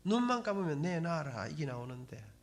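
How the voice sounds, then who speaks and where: Speaking fast in a high-pitched voice, this middle-aged man from the Gyeongsang region of Korea delivers a church testimony. He addresses the congregation directly, turning his faith story into lively, dramatic storytelling.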